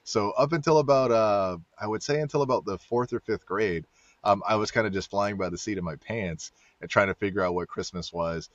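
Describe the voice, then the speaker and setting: Man, very low voice, guest on a podcast, relaxed storytelling, lo-fi. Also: fairly quick, dry recording. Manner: laid-back storytelling with fillers. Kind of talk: casual conversation. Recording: dull lo-fi dry sound.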